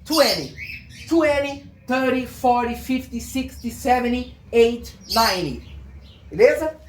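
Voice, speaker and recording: A high-pitched woman with a Brazilian Portuguese accent teaches in a relaxed, chatty way, slowing down to repeat each word so learners can copy it. She is recorded in a bare, echoey room, with birds chirping faintly outside. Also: slight background noise. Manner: repeats words slowly, drilling pronunciation. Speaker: English teacher. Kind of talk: casual online lesson.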